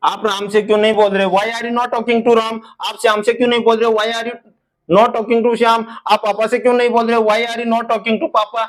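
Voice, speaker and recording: An Indian-accented man delivers a classroom-style English grammar lesson in a very high-pitched, flat voice. He addresses his viewers as son and daughter, draws each English sentence out slowly, and zips through the Hindi parts.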